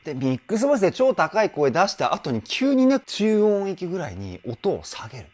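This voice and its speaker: A man's voice: high-pitched, wildly swooping pitch, brisk, darkish tone, faint music behind. A young man, a vocal coach, chatting enthusiastically while reacting to and analysing a song, laughing often.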